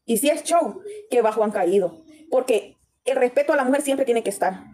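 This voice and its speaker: High-voiced blunt Salvadoran woman ranting. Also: expressive, moderate pace, a little mellow. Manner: addresses viewers directly with tag questions. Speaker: TikTok livestreamer. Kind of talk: livestream gossip commentary.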